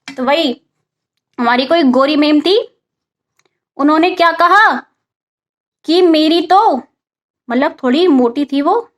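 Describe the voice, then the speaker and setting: A woman teaching English vocabulary in a casual spoken lesson, asking and answering her own questions. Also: high voice. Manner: mixes English vocabulary into Hindi explanation.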